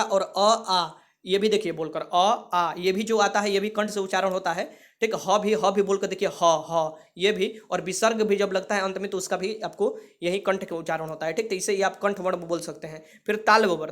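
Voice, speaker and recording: A man teaching an exam revision lesson, explaining patiently and saying sounds aloud for students to repeat. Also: sits high.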